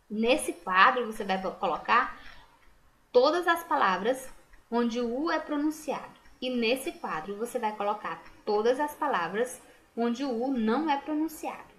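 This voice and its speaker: A woman's voice: a little high, fairly bright tone. A Brazilian woman teaching a primary school lesson, patiently sounding out words syllable by syllable. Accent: Brazilian Portuguese. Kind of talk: recorded remote class lesson.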